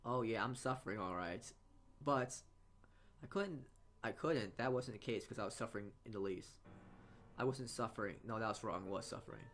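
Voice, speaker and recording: This let's play host has a voice on the low side, a bit bright, and he stumbles and repeats words while reading visual novel narration. Game music runs under his speech.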